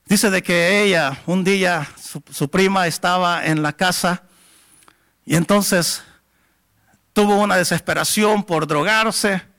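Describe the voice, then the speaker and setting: A man preaching, telling a testimony in a dramatic storyteller's way that swells to near-shouts. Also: sits high, creaky. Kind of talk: sermon testimony.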